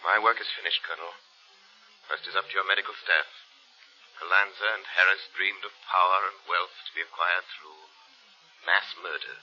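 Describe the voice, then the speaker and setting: An actor playing an ominous, commanding invisible detective in an old AM radio drama, with theatrical formal diction. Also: male voice, deep voice, fairly even intonation, fairly quick, slight background noise, natural voice. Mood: grave. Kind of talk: 1940s radio drama acting. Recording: dull vintage AM radio recording.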